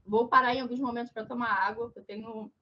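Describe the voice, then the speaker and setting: A Brazilian woman delivers an online lecture in a fairly high voice that is hoarse and duck-like from flu. She explains in a didactic way and often checks in with listeners. The audio is dull and muffled, as on an online call. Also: steady tone, fast, slight background noise. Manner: didactic, frequent check-in tags. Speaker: lecturer giving a talk. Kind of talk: online lecture on social issues.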